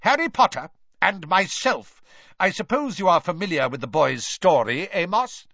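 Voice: mid-range voice, big pitch swings, normal speed, a bit bright, dry recording, highs cut off, voice pushed up. A narrator playing a stern, proud older male ministry official, coldly indignant, with a clipped, imperious bark.

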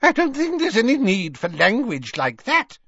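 Man voicing a flustered, high-pitched shopkeeper woman. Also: wildly swooping pitch, normal speed, pushed and bright, slightly rough, no echo, lo-fi sound, heavily acted. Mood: indignant. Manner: fluttery, anxious, motherly. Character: flustered, fussy middle-aged woman shopkeeper.

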